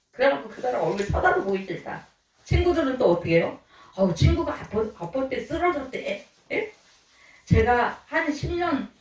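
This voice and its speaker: A fairly high-voiced woman preaching in a lively storytelling way, slipping into the voices of the people she quotes. She sounds set back from the microphone, and her voice rings through an echoey church hall. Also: distant mic. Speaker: pastor. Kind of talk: storytelling sermon.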